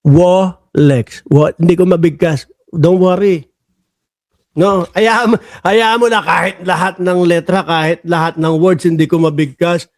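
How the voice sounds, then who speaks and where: A man's voice: high voice, fairly even intonation, a little slow. A man vlogging casual political commentary, mocking and chatty, calling out to his viewers as bosses and countrymen.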